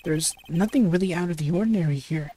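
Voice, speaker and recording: A woman's voice: lowish voice, quick pace, dark tone, slight background noise. A woman hosting a let's play, giving stammering, hesitant gaming commentary.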